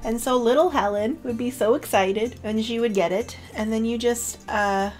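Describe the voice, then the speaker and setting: A woman's voice: a little high, normal speed, a little mellow, soft background music. A young woman vlogging casually to camera, chatty and full of "like", emotional and close to tears. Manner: chatty, with filler "like" and self-corrections. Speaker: beauty vlogger.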